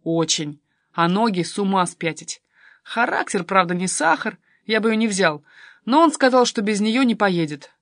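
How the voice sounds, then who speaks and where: Lady reading as a loud pushy cousin guy, blunt, no room sound. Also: mid-range voice, animated, moderate pace, no echo, clean studio sound, lightly acted. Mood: brusque. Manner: blunt, exclamatory, impatient. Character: brash, excitable adult male cousin.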